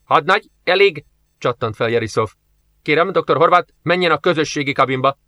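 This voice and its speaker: A man voicing a hot-tempered male first officer who gives sharp, commanding orders. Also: fairly high pitch, no room sound, muffled recording. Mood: stern.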